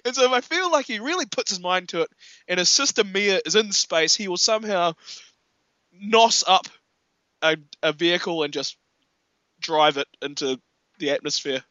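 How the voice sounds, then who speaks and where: A man in casual film chat, animated, laughing often and acting out quotes. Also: high-pitched, normal speed, pauses often, no room sound, muffled recording.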